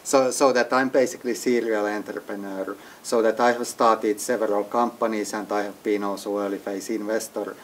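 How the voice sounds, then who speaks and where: Man, hesitant measured speech. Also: on the low side, fairly even intonation, slight background noise. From Finland. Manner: hesitant, restarts often, non-native phrasing. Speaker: entrepreneur, interviewee. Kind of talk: business interview. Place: executive briefing center.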